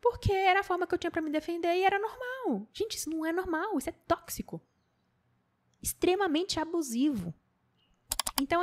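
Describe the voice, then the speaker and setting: A young adult woman hosting a podcast, telling stories in a casual, animated monologue and acting out quotes. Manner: animated storytelling, acts out quotes with shrill high voice. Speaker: podcast host.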